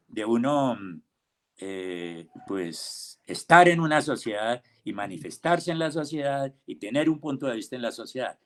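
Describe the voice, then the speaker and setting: An older man talks through his ideas on a video call, speaking slowly and deliberately. He stops often on fillers, then pushes his points with firm rhetorical questions. His pitch sits in the middle for a man. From Colombia. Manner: deliberate, halting with many pauses and fillers, emphatic rhetorical questions. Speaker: invited theatre director and playwright. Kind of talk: reflective panel talk. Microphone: computer or headset mic on a video call.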